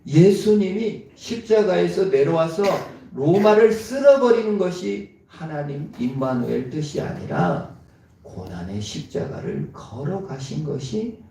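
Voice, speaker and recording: A man's voice: fairly high pitch, dark tone. A male pastor giving an emphatic storytelling sermon in a church, heard in an echoey hall from a distance.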